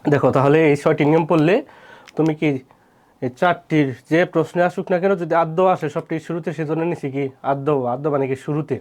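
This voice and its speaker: A male teacher walks through rules step by step. He keeps posing questions and answering them himself, repeating key phrases. His voice sits a bit higher than most men's. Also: steady tone, quick pace, a little mellow. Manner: repetitive, asks and answers his own questions. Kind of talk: spoken lesson on pronunciation rules.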